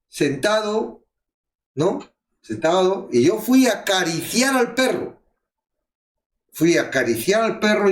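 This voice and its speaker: Animated preacher in an echoey room. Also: male voice, on the high side. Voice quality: animated storytelling, acts out voices. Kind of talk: casual Bible study talk.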